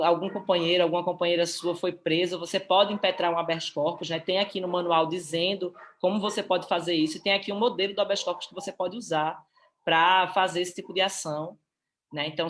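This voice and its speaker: A woman's voice: lowish voice, a bit bright, a little hiss or hum. A Brazilian woman presenting a publication on a live stream, speaking in a heartfelt, emotional way. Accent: Brazilian Portuguese.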